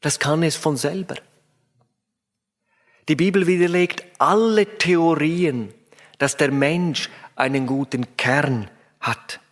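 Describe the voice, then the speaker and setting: Male preacher, slow deliberate delivery, slightly high voice, emphatic. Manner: slow, emphatic, addresses listeners directly. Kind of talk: sermon.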